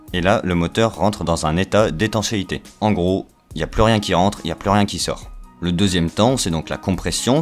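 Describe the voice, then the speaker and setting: A young man with a deep, low voice explains engine parts in a loose, chatty way. He pauses often on fillers, restarts his sentences and slips in teasing asides. Faint music plays underneath. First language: French. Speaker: video creator explaining engines. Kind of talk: casual technical explanation.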